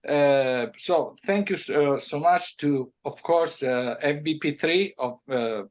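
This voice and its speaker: Italian-accented man, halting and animated. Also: a little high. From Italy. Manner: halting, many restarts and fillers, animated bursts. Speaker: music producer guest. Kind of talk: casual interview.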